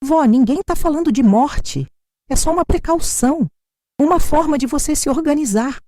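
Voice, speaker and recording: A woman doing a shrill, fake-sweet granddaughter. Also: moderate pace, warm tone, no room sound, natural voice. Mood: placating. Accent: Brazilian Portuguese. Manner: high-pitched, breezy and dismissive. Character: young adult granddaughter, fake-sweet influencer.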